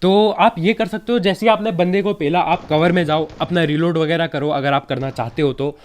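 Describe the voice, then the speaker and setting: A young man talks through game tips in a loose, chatty voice-over, pitched a touch higher than most men. He has a slight cold and keeps tossing in friendly asides to his viewers. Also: moderate pace. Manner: chatty, keeps saying yaar and bhai, relaxed advice. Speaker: gaming YouTuber giving tips. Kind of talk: casual gameplay commentary.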